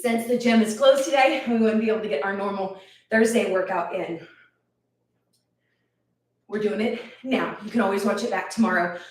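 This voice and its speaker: Winded fitness instructor in echoey room. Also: female voice, mid-range voice, normal speed, long pauses, recorded from a distance. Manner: encouraging, counts reps aloud. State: out of breath. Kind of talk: live workout instruction.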